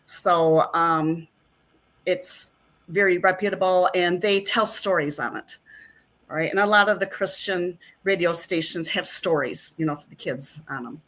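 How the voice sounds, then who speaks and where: A middle-aged actress, guesting on a casual interview, talks in a rambling way full of fillers. She has a lowish, slightly bright voice and keeps a measured pace.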